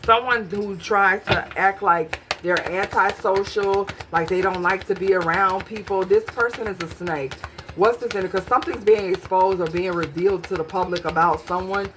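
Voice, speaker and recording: Pulling cards for a casual tarot reading, this woman talks to herself and wonders aloud what each one means. Her voice sits at a medium pitch, her pace is moderate, and there's noise in the background.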